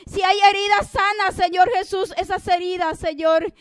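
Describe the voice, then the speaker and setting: A woman preacher leads a spoken prayer on a TV program. Her voice sits very high and stays in a narrow, even band of pitch. She is recorded dry and close, and she keeps calling on the Lord between every phrase. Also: normal speed, no room sound. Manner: fervent, repeats "Señor" between phrases.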